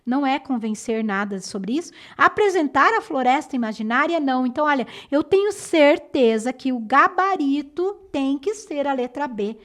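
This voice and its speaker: A woman teacher with a Brazilian Portuguese accent, going over exam answers in a lesson and explaining patiently and clearly. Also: high-pitched, expressive, a bit bright. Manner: clear, patient explaining, slows down to stress syllables.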